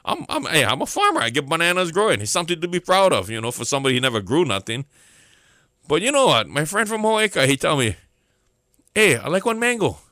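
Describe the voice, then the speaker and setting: A man's voice: on the high side, very animated, fast talker, pushed and bright, no room sound, clean studio sound. A man preaching in a Hawaiian Pidgin accent, telling a folksy story and asking his listeners questions. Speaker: pastor. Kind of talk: storytelling sermon to a listening audience.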